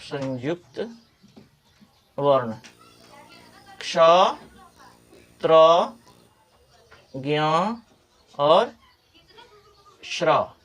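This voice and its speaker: Man, bihari hindi accent, middle-aged teacher, very slow, spells out words one by one. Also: sits high. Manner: slow, deliberate, repeats example words one by one. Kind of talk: pronunciation lesson.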